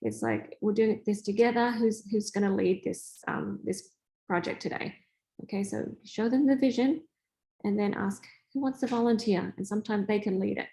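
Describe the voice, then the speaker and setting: A woman's voice: medium pitch, normal speed, low-quality recording. A woman from Australia, hosting and talking casually as a spiritual coach, acting out family dialogue in a chatty way. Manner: chatty, acts out family dialogue in lively voices. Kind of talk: casual teaching talk.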